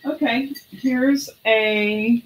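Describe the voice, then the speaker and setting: A woman's voice: fairly high pitch, fairly even intonation, low-quality recording. A middle-aged woman hosting a casual live online sale as an informal auctioneer, chatting between bids and prices in a small room at home. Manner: unhurried, with pauses. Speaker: online auction host selling vintage glass.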